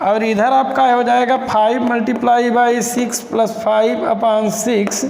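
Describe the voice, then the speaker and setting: Young teacher guy, really high voice, asks the class each step, roomy echo and a bit of hiss. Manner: explains step by step, repeats key terms as questions to students; calls students "beta". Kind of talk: classroom maths lesson. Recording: echoey room with faint background noise.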